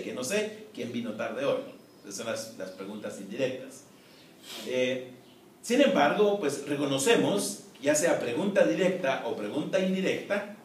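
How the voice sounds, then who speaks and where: Male professor, measured classroom lecture, recorded from across an echoey room. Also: mid-range voice. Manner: measured, explanatory, frequent "eh" and "¿no?" tags. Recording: echoey room, distant mic, faint noise.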